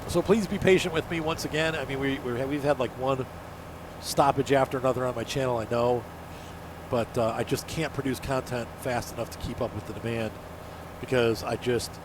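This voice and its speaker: A gaming channel host, sick with allergies and badly congested, gives casual, folksy, rambling commentary through a stuffed-up nose. His mid-range voice is steady and fairly quick, and noticeable noise sits behind it.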